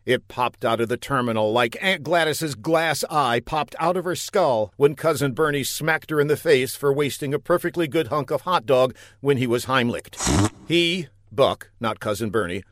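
A man narrates a spoof adventure tale with mock-dramatic flair, leaning hard on key words for comic effect. His voice sits at an ordinary middle pitch. The recording is close and dry, with no room sound. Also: fairly bright tone, no echo. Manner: mock-dramatic storytelling with punchy emphasis. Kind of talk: comic scripted story narration.

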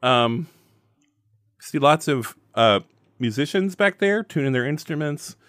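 A man casually narrating improvised comedy as game master and host, halting and self-deprecating. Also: a little high, expressive, a bit bright, no room sound.

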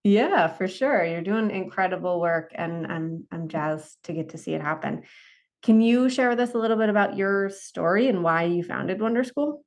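A woman in her thirties hosts a podcast in a casual interview, sounding upbeat and chatty and using words like "y'all" and "rad." Her mid-range voice moves at a moderate pace with lively intonation.

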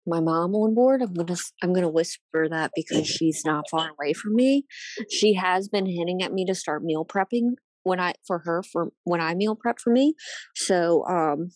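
A woman talking in a casual chat about her fitness progress as a coaching client, reflective and halting, with many "um"s and restarts. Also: on the low side, no room sound. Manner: reflective, halting, frequent "um" and repeated starts. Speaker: coaching client and guest host.

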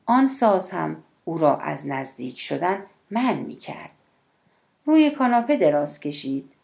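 A woman narrating an audiobook in a measured, steady storytelling manner. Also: deep voice, gravelly.

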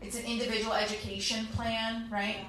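Stand-up comic, woman, 30s, high bright voice, very echoey club room. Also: fairly quick, distant mic. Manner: animated, acts out characters in quotes. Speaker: stand-up comedian. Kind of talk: stand-up comedy set. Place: comedy club stage. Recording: very echoey room, faint crowd noise.

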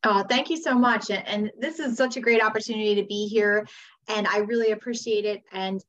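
American female podcast guest, forties, medium pitch, conversational storyteller, slightly dull recording. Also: fairly even intonation, a little fast, fairly bright tone. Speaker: podcast guest, teacher and author.

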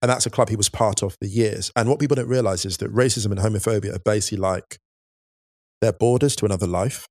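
A man's voice: on the low side, fast, darkish tone, no room sound, clean studio sound. A man co-hosting a football podcast, talking earnestly and reflectively in casual chat. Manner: earnest and reflective, breaking into big laughs. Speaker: podcast co-host.

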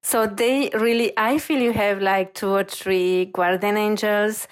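A woman's voice: medium pitch, steady tone, measured pace. A woman reiki master giving an intuitive reading on a podcast, speaking earnestly and reassuringly. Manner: earnest, warm reassurance, gentle and reflective.

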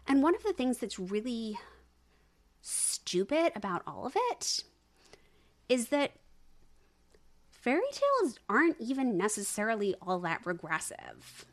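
A woman in her thirties or older, a researcher and analyst, appears as a podcast guest in a conversational discussion. Her fairly high voice is very animated yet a little slow, with long pauses. She's opinionated and stresses her points by repeating words.

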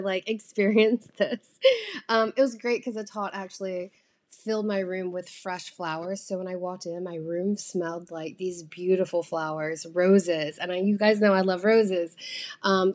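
A woman's voice: fairly low pitch, a little mellow. An American woman telling a casual, rambling travel story as a vlogger, full of fillers and the odd curse word. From United States. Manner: chatty, rambling, lots of fillers and casual cursing.

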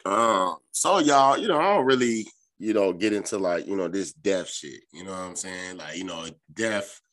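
Bright, forceful man in a profane podcast rant. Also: sits low, animated, normal speed. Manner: blunt, slangy, heavy swearing. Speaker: podcast host.

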